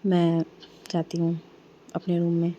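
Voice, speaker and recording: A woman's voice: on the low side, completely flat delivery, measured pace, mellow, slight background noise, voice pushed down, close to an everyday voice. A woman voicing a confident, teasing young woman who turns coolly formal when annoyed.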